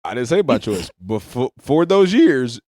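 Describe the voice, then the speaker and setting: A man's voice: mid-range voice, unhurried, dry recording. Guy in his 30s on a podcast couch, laid back and joking, very dry sound. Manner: easygoing, joking, lively storyteller. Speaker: podcast guest. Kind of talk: casual conversation. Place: indoors, on a couch.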